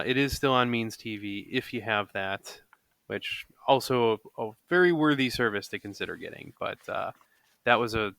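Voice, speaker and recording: A man's voice: mid-range voice, sharp tone, clear, resonant tone, no room sound. A man chatting on a podcast, talkative and full of fillers. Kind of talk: casual podcast conversation.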